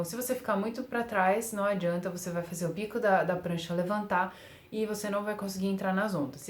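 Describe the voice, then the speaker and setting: With a medium-pitched voice and a roomy sound, a young woman vlogs about surfing, explaining tips in laid-back tutorial talk. She's chatty, uses fillers and often laughs at herself.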